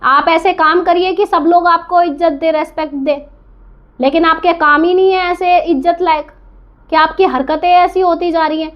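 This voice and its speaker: A woman's voice: very high-pitched, steady tone, moderate pace, highs cut off. A woman giving an indignant, scolding commentary to camera, firing rhetorical questions and repeating her points for emphasis. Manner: defiant, repeats herself for emphasis. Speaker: reaction vlogger.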